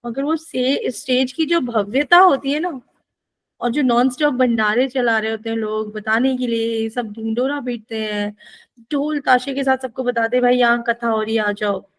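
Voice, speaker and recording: A woman's voice: on the high side, steady tone, moderate pace, no room sound. A woman giving a spiritual teaching session, explaining and often asking listeners rhetorical questions.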